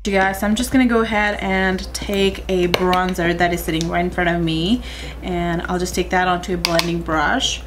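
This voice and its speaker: A woman's voice: lowish voice, flat delivery, normal speed, over music. A young woman chatting to her viewers as she walks through a makeup tutorial step by step. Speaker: beauty vlogger. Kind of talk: casual makeup tutorial chat.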